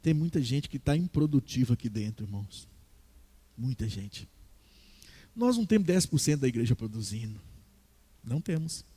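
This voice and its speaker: A man preaching a sermon as a pastor in a church, animated, acting out the voices in his teaching. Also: mid-range voice, normal speed, long pauses, slightly rough.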